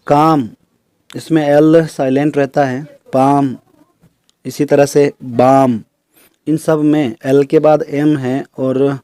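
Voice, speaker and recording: A man teaching English pronunciation in a recorded lesson, explaining slowly and listing example words one by one. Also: a little high, mellow, no room sound. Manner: explains slowly, repeats terms in Hindi and English.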